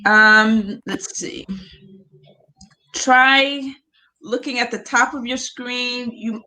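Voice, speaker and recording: A woman with a fairly high voice hosts an informal webinar over a video call. She speaks very slowly, with a patient and encouraging manner and some hesitation. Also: fairly even intonation, pushed and bright, poor audio. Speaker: host of an online webinar. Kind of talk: informal live webinar hosting, talking a guest through screen sharing.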